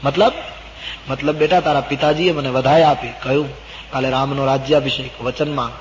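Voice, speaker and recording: A man voicing a queen stepmother who talks softly and then grows insistent. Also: mid-range voice, fairly even intonation, fairly quick, slight background noise, lightly acted. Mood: calm. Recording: dull old recording in a reverberant hall.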